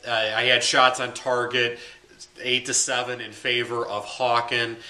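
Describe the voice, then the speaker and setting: Talking to camera from a small, plain, echoey room, a man in his thirties who covers high school sports analyzes a match casually. He uses fillers and hand gestures, and his mid-range voice carries a very bright, sharp edge.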